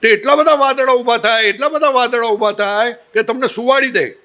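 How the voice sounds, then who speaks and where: A man's voice: extremely high pitch, normal speed. A man with a Gujarati accent giving a spiritual satsang talk, telling stories with humor and asking the audience questions. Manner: humorous, animated storytelling with rhetorical questions. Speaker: spiritual teacher.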